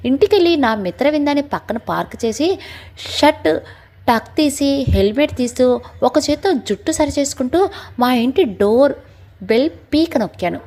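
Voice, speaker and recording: A woman narrating a scripted family audio story in a lively first-person telling. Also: sits high, normal speed.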